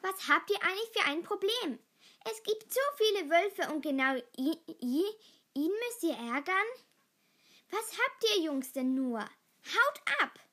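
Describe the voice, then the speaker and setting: A woman's voice: very high voice, expressive, a little slow, pushed and bright, voice pushed up, exaggerated voice. A woman voicing a fierce young she-wolf. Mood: angry. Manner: fierce, scolding. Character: bold young female wolf.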